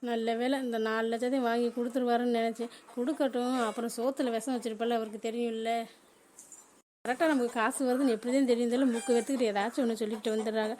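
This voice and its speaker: A woman's voice: fairly high pitch, flat delivery, fast talker, darkish tone, a little hiss or hum, lightly acted. A woman voicing a greedy, scheming wife, in a cartoon drama. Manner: scheming asides.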